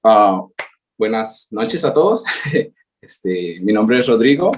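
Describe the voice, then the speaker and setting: On a rough recording with a bit of hiss or hum, a Mexican man in his 30s speaks slowly in a low-leaning, sing-song voice with a Mexican accent. He's the guest presenter of a webinar on a video call, hesitant and full of fillers, working remotely from home in Japan.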